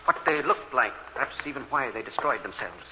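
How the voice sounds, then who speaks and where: A muffled vintage radio recording with clear noise, featuring a man as a scholarly expedition scientist. His medium-pitched voice is earnest, measured and articulate, in 1950s sci-fi drama style. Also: animated, long reverb tail, close to an everyday voice. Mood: musing.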